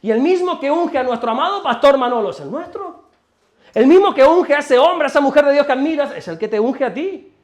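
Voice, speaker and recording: A pastor with a Spain Spanish accent preaching a sermon to a congregation, emphatic and repetitive, asking rhetorical questions. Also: male voice, extremely high pitch, expressive, fairly quick. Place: church before a congregation.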